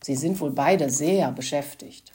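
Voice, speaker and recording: A woman voicing a kindly, chatty middle-aged neighbor who speaks gently in a read-aloud story. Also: low voice, unhurried, pitched below the performer's own voice. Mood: friendly. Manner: gentle, soothing.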